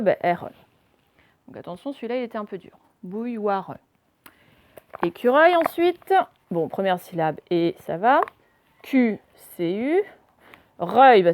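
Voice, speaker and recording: A woman's voice: high-pitched, a little mellow. Patient woman teaching a spelling lesson. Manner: patient, spells out letters slowly.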